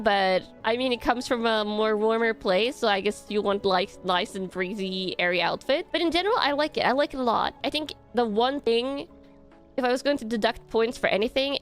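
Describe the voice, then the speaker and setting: A young woman chatting casually as she ranks game outfits, rambling with lots of fillers and little giggles. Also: a little high. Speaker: content creator. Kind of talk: casual ranking commentary. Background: soft background music.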